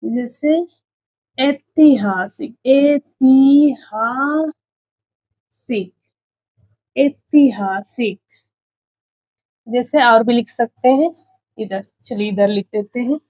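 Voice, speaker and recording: A woman's voice: fairly high pitch, measured pace, darkish tone, no echo. A woman teaching a spelling lesson for exam prep, saying each example word several times while she writes and checking in with her students. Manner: checks in with students, calls them "बच्चे". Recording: dull lo-fi recording.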